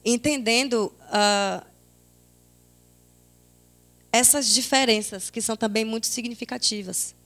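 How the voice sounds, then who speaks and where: A woman's voice: a little high, a little slow, pauses often, fairly bright tone, soft background music. Thoughtful Bahian woman in her twenties. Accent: Bahian Brazilian Portuguese. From Salvador, Bahia, Brazil. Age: 20s. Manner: thoughtful, searching, many restarts. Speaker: panelist, theatre critic. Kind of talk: reflective panel talk.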